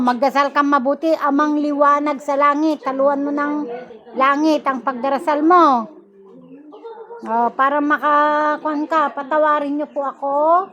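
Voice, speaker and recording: Slow high-voiced woman healer. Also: a bit bright, muffled recording. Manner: commanding, rhythmic, chanting exclamations. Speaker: faith healer. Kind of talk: spoken prayer and healing ritual.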